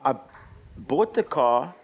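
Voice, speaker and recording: A man's voice: medium pitch, animated, slow pace, gravelly, breathy edge. A man, a podcast guest telling long, rambling stories with many ums and restarts. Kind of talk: casual storytelling chat.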